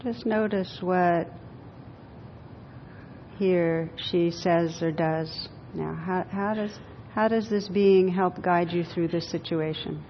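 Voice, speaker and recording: Slow, gentle woman guiding meditation, muffled recording. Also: fairly low pitch, steady tone. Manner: gentle, unhurried, pausing and repeating phrases. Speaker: meditation teacher leading a group. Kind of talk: guided meditation, then informal group discussion. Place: room with a group audience. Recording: dull lo-fi live recording, faint noise.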